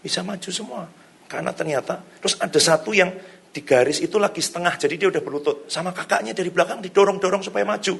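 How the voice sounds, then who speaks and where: Speaking fast in a high, gravelly voice that is a bit bright and slightly rough, a middle-aged pastor delivers a sermon in a church hall. He tells stories loosely in casual Javanese-flavoured Indonesian and laughs frequently.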